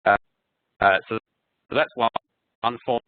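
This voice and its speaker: A man demoing software over a video call, talking haltingly with many fillers while his audio breaks up into choppy fragments. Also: mid-range voice, fairly even intonation, clean tone, dry recording. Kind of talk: live software demo. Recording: dry tinny video call line.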